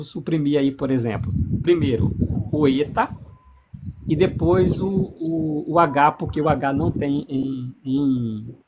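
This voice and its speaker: A man explains pronunciation in a casual discussion, often repeating and restarting words and spelling out sounds and letters. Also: a little high. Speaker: explaining speaker on divine name. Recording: noisy background hiss.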